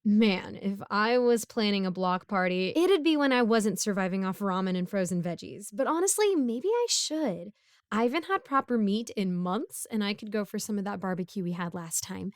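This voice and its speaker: A woman's voice: medium pitch, expressive, brisk, dry recording, clean studio sound, close to an everyday voice. A woman playing a broke, bumbling, chatty supervillain neighbor in a casual audio roleplay, rambling awkwardly as she pleads and justifies herself. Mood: sheepish, chatty.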